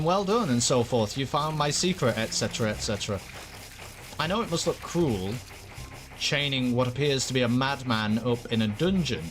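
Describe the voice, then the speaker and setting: A man's voice: mid-range voice, a little hiss or hum, lightly acted. A man voicing a bored, haughty villainous lord in a video game, with a languid, pompous regency aristocrat manner. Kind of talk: video game dialogue read aloud in character.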